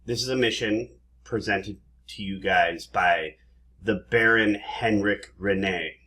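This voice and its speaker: A man's voice: on the low side, slow, sharp tone. A man acting as game master, chatting casually and laughing often as he rambles through the setup. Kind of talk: casual tabletop game chat.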